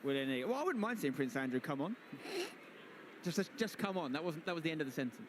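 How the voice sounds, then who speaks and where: A man's voice: on the high side, big pitch swings, quick pace. A man giving live football commentary and bantering as co-commentator. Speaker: match co-commentator. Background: clear outdoor ambient noise.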